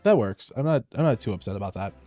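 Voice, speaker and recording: Mellow man on a livestream headset mic. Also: fairly low pitch, quick pace, soft background music. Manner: relaxed, rambling, many fillers and restarts. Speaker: streamer. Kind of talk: casual live gameplay commentary.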